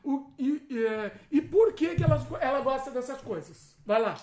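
A woman's voice: high-pitched, lively intonation, normal speed, darkish tone. A woman with a Brazilian Portuguese accent, hosting a casual family chat and playfully coaxing a child to answer questions. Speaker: host questioning a child on a live stream. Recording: roomy echo.

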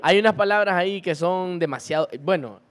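A young Honduran man chatting as a podcast guest, animated and slangy, swearing casually. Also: high voice, fairly quick. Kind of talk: casual chat.

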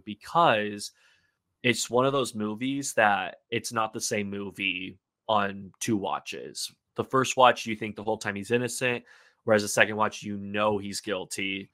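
A man's voice: on the low side, measured pace, pushed and bright, no echo, studio quality. A man talking as a podcast guest in casual chat, eager and talkative, often restarting his sentences. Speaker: podcast guest, film reviewer.

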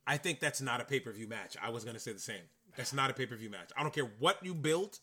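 A man co-hosting a casual wrestling podcast, acting out matches and promos with sudden loud bursts. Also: medium pitch, animated, fast talker, slightly rough. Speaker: podcast co-host.

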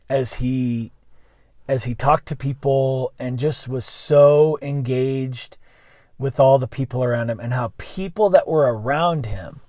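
A man's voice: medium pitch, darkish tone, no room sound, studio quality. A man, a school bus driver, telling a story in a casual, rambling monologue full of restarts and self-corrections.

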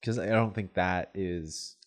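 Chill young guy w a lowish voice, just chatting on a podcast. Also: measured pace. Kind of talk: casual chat.

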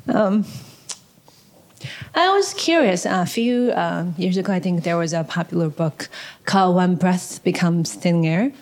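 A woman steps up from the audience at a live event to ask a question in a fairly low voice. She is hesitant and pauses often as she searches for her words. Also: a little mellow. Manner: hesitant, with many pauses and fillers. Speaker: audience member asking a question.

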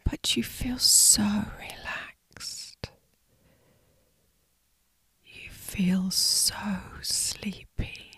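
A woman narrating a scripted sleep story as a guided meditation, in a breathy, hushed, soothing whisper. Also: medium pitch, no room sound.

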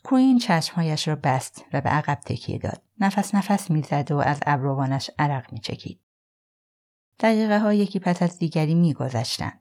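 A woman's voice: expressive, a little mellow. A woman narrating an audiobook, acting out the agents and the suspect by lifting her voice and pushing harder for their lines. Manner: voices the agents and the suspect with rising pitch and force. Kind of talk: audiobook reading with character dialogue.

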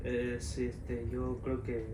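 A man's voice: medium pitch, monotone, takes it slowly, dark tone. A young man co-hosting a casual podcast, joking and teasing his friends. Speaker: podcast co-host. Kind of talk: casual chat. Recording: roomy, distant mic with crowd behind.

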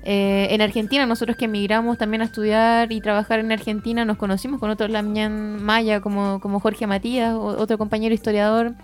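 A woman co-hosting a podcast conversation, speaking thoughtfully and pausing to find her words. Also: mid-range voice, level tone, soft background music. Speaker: podcast co-host. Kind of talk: casual conversation.

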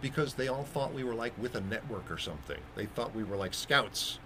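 A man's voice: mid-range voice, expressive, brisk, sharp tone, a little hiss or hum. A man co-hosting a radio show, telling a rambling anecdote with fillers in casual chat.

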